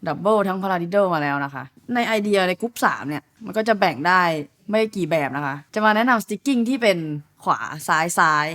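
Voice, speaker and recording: A young woman in her twenties teaches drum fills in a relaxed video lesson, going step by step and counting beats aloud with polite patience. Her medium-pitched voice is expressive and fairly bright, at normal speed with hardly any pauses.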